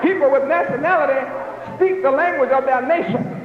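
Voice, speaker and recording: A man preaching a fiery sermon to a gathered audience, pressing his points with rhetorical questions and bursts of shouting. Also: very high-pitched, fairly quick, crowd noise. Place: hall with a live audience. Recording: echoey hall, dull lo-fi, noisy.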